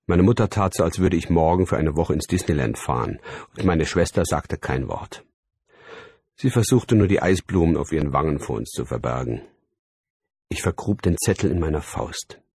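A man's voice: very deep voice, animated, normal speed, a little mellow, husky, no echo. A man narrating a first-person story in a dramatic, tense style, voicing sound words vividly, close to a studio mic. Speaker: audiobook narrator.

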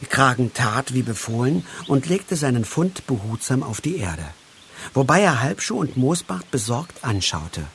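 A man narrating a storybook, reading aloud slowly and expressively. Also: medium pitch, very animated, gravelly, fairly bright tone, a little hiss or hum.

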